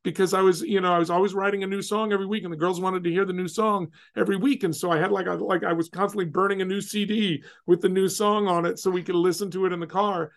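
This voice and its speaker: A middle-aged man from California telling a personal story in casual talk, animated and acting out the voices of others. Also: sits high, fast talker, few pauses. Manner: animated, acts out quoted voices.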